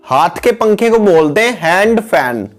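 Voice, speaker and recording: A man with a high-pitched voice reads out a picture vocabulary lesson in an even, patient rhythm. He names one item after another and now and then calls his viewers guys. Faint background music sits beneath the close-miked voice-over. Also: measured pace. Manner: steady repetitive naming, addresses viewers as guys. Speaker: English teacher.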